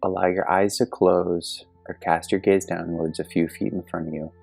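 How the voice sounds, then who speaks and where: A man with a very low, slightly creaky voice calmly and gently guides a meditation. His instructions are measured, with long pauses between phrases, and soft meditation music with singing bowl tones plays underneath.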